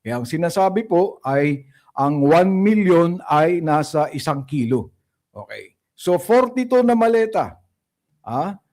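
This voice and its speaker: A man's voice: on the high side, lively intonation, darkish tone. Scornful male political commentary vlogger. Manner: scornful, mocking, works through calculations slowly. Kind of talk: opinion commentary addressed to viewers.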